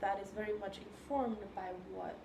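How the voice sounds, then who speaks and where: A woman from China who speaks English, a composer answering interview questions in a thoughtful, halting way and searching for her words. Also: mid-range voice, gravelly. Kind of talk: reflective conversation. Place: room in New York. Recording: roomy sound with steady background noise.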